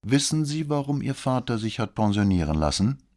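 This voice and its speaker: A man doing a calm police commissioner. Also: medium pitch, voice pushed up, natural voice. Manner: calm, measured questioning.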